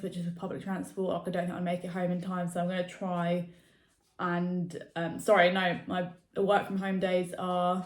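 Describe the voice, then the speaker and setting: A young adult woman chatting casually to camera as a vlogger, rambling with many fillers. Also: fairly low pitch. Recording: echoey room.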